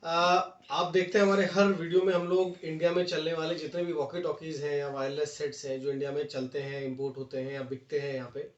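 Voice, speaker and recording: Speaking quickly with few pauses, this product reviewer has a fairly high voice, and the recording sounds muffled. He's an Indian video presenter unboxing something casually, walking viewers through features in friendly direct address with English words sprinkled in, amid echo, steady noise and clicks.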